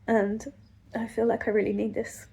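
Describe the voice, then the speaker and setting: A tearful woman speaks haltingly into her phone at home, often slipping into whispers. Her voice is very breathy and husky, with a gravelly catch. It sits a little high for a woman. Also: flat delivery. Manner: halting, soft, trailing off into whispers. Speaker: vlogger. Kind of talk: emotional video diary. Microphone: phone camera.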